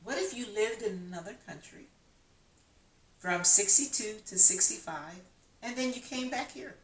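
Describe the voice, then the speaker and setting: A woman's voice: mid-range voice, normal speed. A woman vlogger from the United States giving an emphatic motivational talk full of rhetorical questions. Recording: echoey room, mic at a distance.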